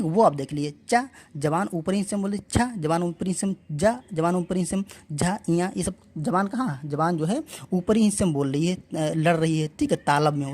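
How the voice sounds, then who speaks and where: A woman's voice: lowish voice, a little mellow. Woman drilling Hindi letter sounds. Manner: repeats and drills sounds aloud, asks then answers; addresses viewers as friends. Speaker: teacher. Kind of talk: exam-prep lesson.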